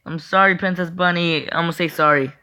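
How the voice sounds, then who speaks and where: A young man giving casual, chatty gameplay commentary, excitable and apologetic, talking straight to his viewers. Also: on the high side, a little fast, slight background noise. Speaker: gaming channel host.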